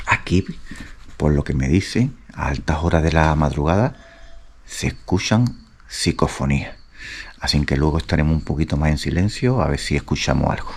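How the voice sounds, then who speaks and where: A man talking casually and haltingly as he vlogs a night exploration outdoors. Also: deep voice, darkish tone. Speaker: vlogger. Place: outdoors at an abandoned train station at night. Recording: outdoor night recording with noise.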